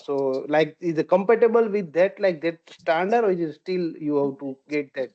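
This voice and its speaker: Give me a questioner with a mellow, darker voice over a muffled video call, searching for words with lots of "like" and "uh". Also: mid-range voice, moderate pace. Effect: heard over a video call. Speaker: audience member asking questions. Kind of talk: questioning in a meeting.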